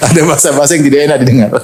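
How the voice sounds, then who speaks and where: A man's voice: fairly high pitch, racing, crowd noise. A middle-aged man preaching a sermon to a lecture-hall audience, telling stories with jokes and laughter. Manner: lively storytelling with jokes and laughter.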